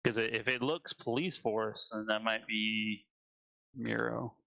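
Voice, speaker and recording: Brief: man, low gravelly voice, bright edge, dry headset, probing questions. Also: level tone, measured pace, dry recording, rough recording. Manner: questioning, stammers on restarts. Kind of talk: casual voice chat.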